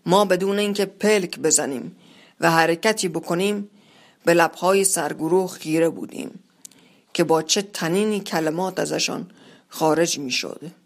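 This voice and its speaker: A narrator reading a literary story aloud in a measured, first-person voice. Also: mid-range voice, fairly even intonation.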